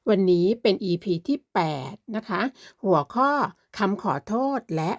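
Slow, patient woman teaching beginners. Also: mid-range voice, lively intonation, no room sound, studio quality. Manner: patient, polite, drawn-out example words. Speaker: language teacher. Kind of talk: slow beginner lesson narration.

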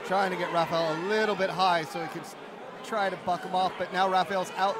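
A man's voice: high-pitched, level tone, brisk, noisy background. A man giving analytical live commentary on a mixed martial arts fight as a commentator. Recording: loud music and crowd behind voice. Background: loud music and crowd.

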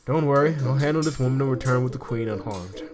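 A man's voice: medium pitch, fast, over music, lightly acted. A man voicing a pompous, boastful male lord who calls himself a great hero, in a game read-through.

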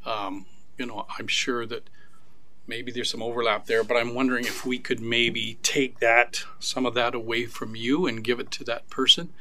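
A man serving as a town councillor, questioning a presenter in a council chamber in a measured, blunt way. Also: mid-range voice, little pitch movement, pushed and bright.

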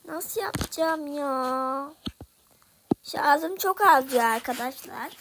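High-voiced young woman narrating gameplay. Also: expressive, takes it slowly, noisy background. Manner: frustrated, talks to viewers while playing. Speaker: gaming video creator. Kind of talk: casual gameplay commentary.

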